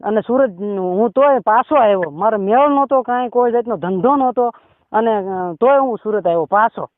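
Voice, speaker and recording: High-pitched and at normal speed, this caller pushes his point on a phone call, pushy and insistent, repeatedly asking "બરોબર?". The sound is tinny and narrow like a phone line, and completely dry.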